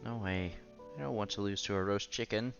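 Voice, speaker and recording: A channel host reads a visual novel aloud as both narrator and lead, sometimes stumbling over words and rereading them. His voice is on the low side, fairly quick and gravelly. The audio sounds dull, with background music behind him.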